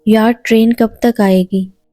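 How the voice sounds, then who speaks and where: A woman's voice: fairly high pitch, fairly even intonation, warm tone, dry recording, studio quality, soft background music, natural voice. A woman voicing a playful, teasing young woman who talks familiarly to a stranger on a train.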